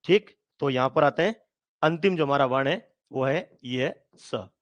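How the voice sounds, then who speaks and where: A male teacher giving a phonetics lesson, asking questions and answering them himself, repeating sounds slowly. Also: mid-range voice, muffled recording. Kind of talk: Hindi grammar lesson.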